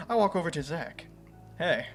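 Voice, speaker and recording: A man's voice: mid-range voice, measured pace, a bit bright, soft background music. A man reading a visual novel game aloud as a gaming host, playful and chuckling at the story.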